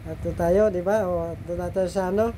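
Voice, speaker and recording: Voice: mid-range voice, steady tone, fairly quick, warm tone, a little hiss or hum. A middle-aged food vlogger with a slightly nasal voice, chatting casually to viewers while eating and cooking, often turning to them for agreement.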